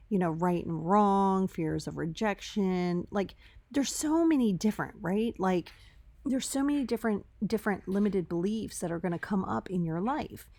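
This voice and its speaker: A woman talks casually as a solo podcast host, chatty and conversational, often checking in with the listener. Her voice sits at a medium pitch. The sound is dry and a little tin-canny, as picked up by a laptop's built-in microphone. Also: a little mellow, no room sound. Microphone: laptop microphone, with headphones on.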